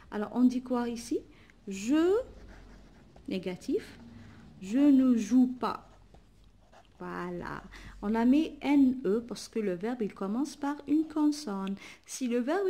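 A woman's voice: mid-range voice, darkish tone. A woman teacher, patiently explaining a workbook lesson and spelling letters aloud. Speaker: primary school teacher.

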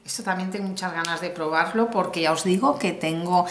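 A woman's voice: fairly low pitch, a little fast, soft background music. A middle-aged woman from Spain with a Spanish accent, chatting casually to viewers as she reviews a makeup haul, exclamatory and talking straight to the camera. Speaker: beauty vlogger. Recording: echoey room, faint noise.

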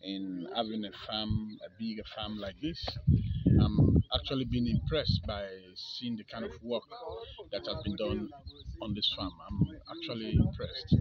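A man's voice: lowish voice, lo-fi sound. Emphatic male official amid a crowd. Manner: emphatic, formal speech-like. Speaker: agriculture official. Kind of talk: field interview statement.

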